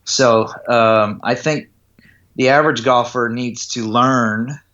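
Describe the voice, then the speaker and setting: In an interview, a man who teaches golf putting explains his approach slowly and keeps asking "does that make sense" to check the listener follows. His voice is medium-pitched and fairly bright, with fairly even intonation. The sound is lo-fi.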